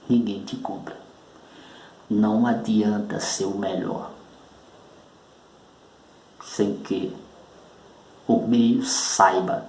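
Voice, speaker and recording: Slow, emphatic man teaching in an echoey room. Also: fairly low pitch, darkish tone, a little hiss or hum. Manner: emphatic, slow and deliberate, leaning on stressed syllables. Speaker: public speaking teacher. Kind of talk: recorded oratory lesson.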